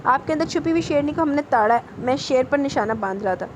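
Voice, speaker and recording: A woman's voice: high voice, lively intonation, slight background noise, rough recording. A woman reading a brash, mocking gangster man. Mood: boastful. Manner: mocking, boastful, playful threats.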